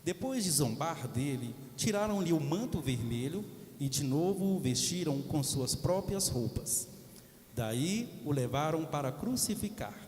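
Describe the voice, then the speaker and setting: A man narrating the Passion Gospel in church, reading slowly and steadily. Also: a little high, big pitch swings, a little mellow. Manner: slow, measured reading. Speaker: reader of the Passion. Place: large cathedral. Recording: echoey cathedral hall.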